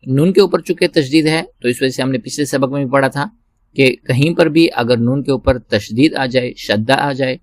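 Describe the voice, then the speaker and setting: Guy teaching quran recitation, slow patient repeats, chants the words long, dry close mic. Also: medium pitch, dry recording. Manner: slow, patient, repeats each word several times. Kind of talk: step-by-step recitation lesson.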